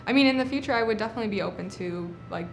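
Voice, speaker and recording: A woman in her late twenties speaks in a relaxed, casual way, filling her sentences with easy fillers as she answers interview questions. Her voice rings in a reverberant theater space. Music plays underneath. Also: mid-range voice, rapid-fire, creaky. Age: 20s. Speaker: technical manager at a cinema. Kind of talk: documentary interview. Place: historic movie theater.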